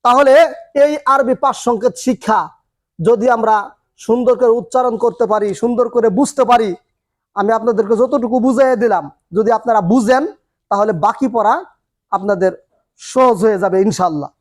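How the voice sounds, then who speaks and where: A male teacher runs a classroom lesson, his voice pitched very high. He drills each rule over and over, putting a question to the class and then answering it himself. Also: fairly quick. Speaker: Quran reading teacher. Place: classroom with a board and students.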